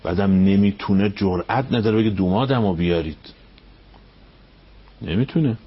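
A man, a cleric, giving a storytelling religious lecture. He fires off rhetorical questions, climbs high when stirred and sinks to near-whispers. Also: slightly rough. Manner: impassioned, rising up high on questions, then dropping to near-whispers. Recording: dull radio broadcast sound.

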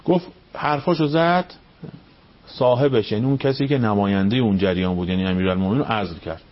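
Impassioned cleric, dull radio sound. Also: male voice. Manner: impassioned, rising up high on questions, then dropping to near-whispers. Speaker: cleric giving a religious lecture on the radio. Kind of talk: storytelling religious lecture with rhetorical questions.

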